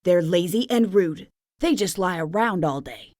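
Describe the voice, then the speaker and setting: Storybook casting: woman voicing a gruff, old-fashioned dog dad, scolding in a dry, close read. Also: fairly low pitch, animated, a little slow, darkish tone, no room sound. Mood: stern.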